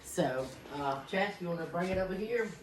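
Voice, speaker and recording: A woman's voice: fairly low pitch, animated, normal speed, faint music behind. A middle-aged woman, chatting through a home cooking demonstration with many "uh" fillers. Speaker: home cook. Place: home kitchen. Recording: noisy home kitchen ambience.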